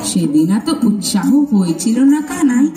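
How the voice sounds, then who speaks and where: A pompous, gushing gentleman orator played by a woman in a stage comedy, heard from a distance with music clearly behind. The delivery is florid and swings widely in pitch. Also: sing-song, moderate pace, reverberant, natural voice. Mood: boastful. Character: pompous, gushing Bengali gentleman orator, childless and self-satisfied. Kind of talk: amateur stage comedy acting.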